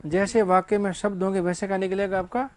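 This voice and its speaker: A man's voice: high voice, flat delivery, a little fast, a little mellow. A male English teacher giving a classroom grammar lecture, asking rhetorical questions and answering them himself, with casual joking asides.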